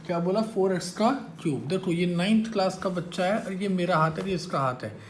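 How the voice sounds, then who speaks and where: A man's voice: sits high, fairly quick. Male maths teacher, classroom lecture, teasing and questioning students, faint background hiss.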